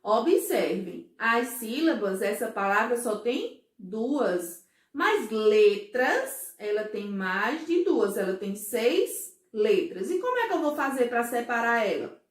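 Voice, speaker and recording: A woman teaching a first-grade class, explaining slowly and patiently, often checking that the children follow. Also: a little high, sing-song, roomy sound. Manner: slow, patient, syllable-by-syllable explaining; frequent checking questions to pupils. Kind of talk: recorded remote class for children.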